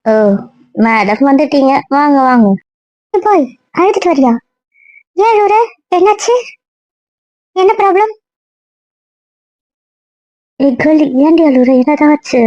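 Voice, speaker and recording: A woman plays an exasperated young woman in an amateur audio drama who scolds her friend. Her voice is high-pitched and mellow. The recording is dry and slightly muffled. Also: normal speed, dry recording, lightly acted. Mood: scolding.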